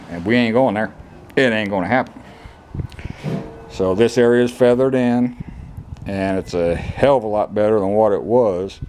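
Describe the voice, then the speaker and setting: A man's voice: fairly low pitch, darkish tone. A man on a casual DIY vlog, talking bluntly with plain rural slang while showing off a concrete floor in an old kennel building. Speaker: DIY vlogger.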